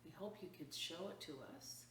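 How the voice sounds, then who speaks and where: With a lowish, fairly bright voice at a moderate pace, a woman reads a picture book aloud for children's story time. She lingers expressively on words and adds chatty asides to explain things. The echoey room, distant mic and faint noise color the recording.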